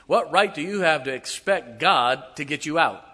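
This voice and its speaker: A forty-something pastor preaching with a bright, forceful voice. He presses rhetorical questions on the congregation and swings from loud bursts to quiet asides. His sermon rings with long reverb through a church sanctuary. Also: on the high side, lively intonation, normal speed. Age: 40s.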